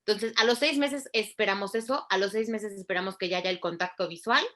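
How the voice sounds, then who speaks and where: Woman, speech therapist, bright tone, patient teacherly explainer. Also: mid-range voice. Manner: clear, didactic, spells out sounds slowly. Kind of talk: explaining in an interview.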